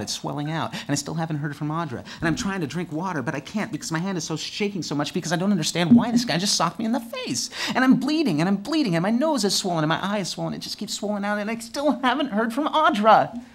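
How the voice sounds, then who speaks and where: A man telling a first-person story in an animated way, jumping from excited highs to hushed lows and often stumbling over repeated words.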